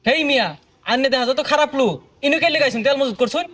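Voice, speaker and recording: An actor playing a suspicious bystander questioning a fuel hoarder. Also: male voice, very high-pitched, very fast, fairly bright tone. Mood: accusing. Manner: questioning, accusing. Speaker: suspicious bystander in a comedy skit. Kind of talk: comic sketch acting.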